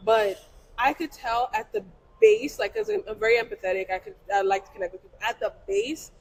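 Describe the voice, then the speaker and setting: A woman's voice: a little high, a little fast, a little hiss or hum, poor audio. A woman born in Jamaica, a business owner, telling stories in a casual panel chat with lots of "like". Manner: animated storyteller, heavy use of "like". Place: trade show event.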